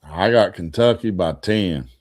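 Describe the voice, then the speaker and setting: A man co-hosting a casual sports podcast, chatting in a lively, joking way. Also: deep voice, a little slow, dry recording, clean studio sound. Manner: lively, joking fan talk. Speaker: podcast co-host.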